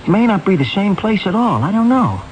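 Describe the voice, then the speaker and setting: A man's voice: high-pitched, sing-song, brisk. An actor playing an earnest, restless man in a radio drama, hesitant and wondering as he talks. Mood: restless, determined. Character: earnest, restless man haunted by a vivid dream. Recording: dull radio recording, faint noise.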